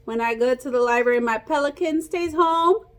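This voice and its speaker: A woman reads a picture book aloud to children the way a teacher would, animated and playful, coaxing the young listeners to join in. Her voice is high-pitched and her speed is normal.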